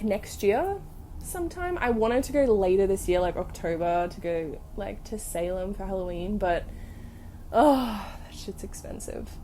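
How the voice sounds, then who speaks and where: A young woman hosting a casual storytelling podcast, telling ghost stories in an animated, sweary way full of fillers. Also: mid-range voice, slight background noise. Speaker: podcast host.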